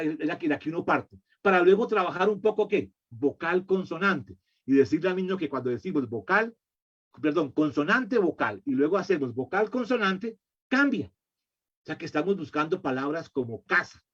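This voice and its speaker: A man's voice: on the high side, breathy edge. A literacy educator giving a slide-based lecture, explaining step by step and answering his own rhetorical questions. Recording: dull lo-fi recording.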